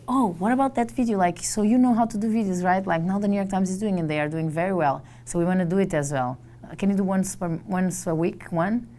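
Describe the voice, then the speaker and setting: A woman from Portugal, giving a motivational talk to an audience and telling her story with animated, acted-out dialogue. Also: sits low, slight background noise. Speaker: guest speaker.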